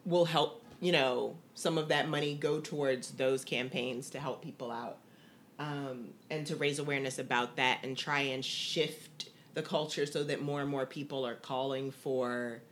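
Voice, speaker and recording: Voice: medium pitch, fairly even intonation, moderate pace, a bit bright, slight background noise. A co-host of a casual talk show who explains at length, rambling and checking in with "right?". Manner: rambling, many ums and "right?". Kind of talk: casual chat.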